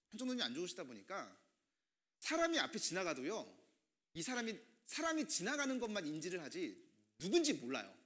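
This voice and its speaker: Man, youth pastor, sermon, high voice, very lively pitch, acts out quotes. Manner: animated, acts out quoted greetings and grumbles.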